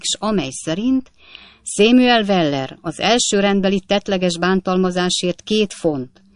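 A woman narrating a classic novel in a measured storytelling delivery. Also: mid-range voice, no echo, studio quality. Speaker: audiobook narrator. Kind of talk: scripted narration.

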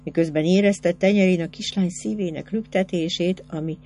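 A woman narrating a novel in an expressive literary reading, with lively rises in pitch. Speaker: audiobook narrator.

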